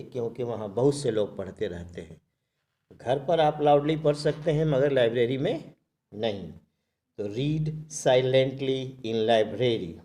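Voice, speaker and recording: Male English teacher, very slow and careful, mellow dark tone, spells words out. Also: mid-range voice. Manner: says English phrases very slowly, then explains in Hindi; calm, even speaking voice. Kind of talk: spoken English lesson.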